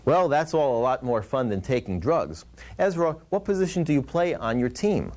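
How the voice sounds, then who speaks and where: A man's voice: mid-range voice, very animated, moderate pace, a little mellow. A man hosting a puppet show as the ventriloquist straight man, asking questions in a patient, instructive way. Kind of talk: scripted puppet show patter.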